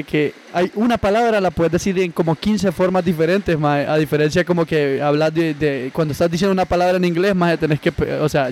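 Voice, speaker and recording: Slangy man, higher voice. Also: a little mellow. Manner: crude, slang-heavy, peppers talk with "maje". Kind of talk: casual podcast chat among friends.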